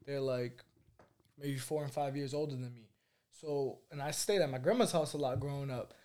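A man's voice: medium pitch, moderate pace, dark tone. Joking man telling family stories. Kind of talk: casual chat.

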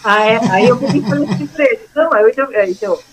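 A woman, a guest in a casual chat, retelling past events in a lively way and acting out quoted dialogue. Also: a little high, quick pace, poor audio.

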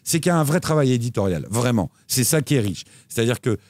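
Animated French-speaking male co-host. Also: fast, dry recording. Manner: animated, lively pitch swings, frequent restarts. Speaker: co-host recommending TV shows. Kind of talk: casual chat.

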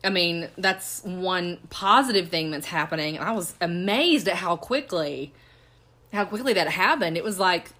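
A woman's voice: on the low side, lively intonation, moderate pace, bright, forceful tone. A woman co-hosting a casual chat over a meal, playful and teasing, laughing often and using slangy phrasing. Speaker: co-host. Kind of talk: casual chat while eating.

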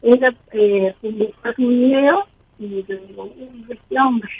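A woman's voice: fairly high pitch, slow pace, a little hiss or hum. A woman caller, speaking hesitantly with many fillers through a distorted wireless headset on a phone call. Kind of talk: call-in conversation.

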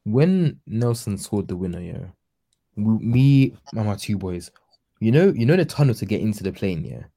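Dark, low-voiced young London roadman. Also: big pitch swings, moderate pace, vocal fry. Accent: London, urban street slang. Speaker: football show panellist. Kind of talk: casual football chat.

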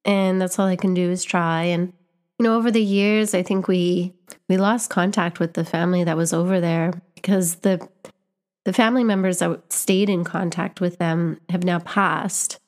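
Earnest and reflective, a young Canadian vlogger and teacher addresses the camera in a personal monologue. Her voice is on the low side, steady and a little mellow at a moderate pace, and she frequently restarts and repeats words while finding what to say.

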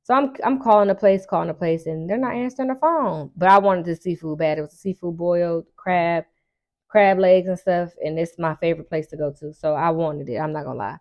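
A woman's voice: on the low side, fairly quick, highs cut off. A woman telling a personal story in casual, colloquial chat, animatedly acting out dialogue and stretching key words for emphasis. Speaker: storyteller addressing her audience.

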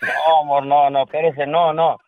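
Man caller, chatty storyteller, phone-line audio, slightly high voice. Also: flat delivery, moderate pace. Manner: chatty storyteller, protests with repeated "no, no".

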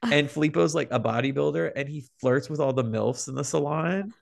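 A man co-hosting a podcast, telling gossipy stories in an animated, casual way. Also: a little high, brisk, gravelly. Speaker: podcast co-host.

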